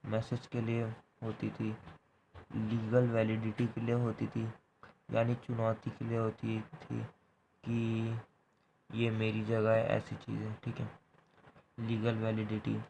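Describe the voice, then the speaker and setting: Slow and monotone, with a fairly low, gravelly voice and long pauses, a man walks a history class through each point in turn. He repeats himself and checks in with "theek hai" at the end of phrases, over background noise.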